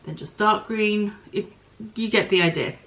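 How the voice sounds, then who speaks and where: A woman's voice: medium pitch, normal speed, fairly bright tone, rough recording. A middle-aged woman hosting a podcast, chatting casually about her knitting and spinning, thinking aloud and stopping to apologise for small slips. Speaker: podcast host.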